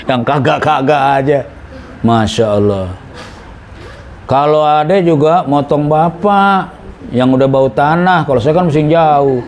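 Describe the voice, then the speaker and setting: Joking older preacher. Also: male voice, fairly high pitch, slow pace, long pauses, a little hiss or hum. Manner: joking, lively, acts out dialogue. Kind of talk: humorous sermon storytelling. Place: mosque gathering.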